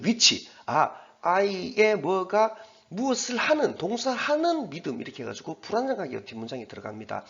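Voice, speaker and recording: In a lo-fi recorded exam-prep lecture, a man with a fairly high voice teaches English grammar in Korean. He explains step by step, pointing at the text on the board and slipping English terms into his explanations.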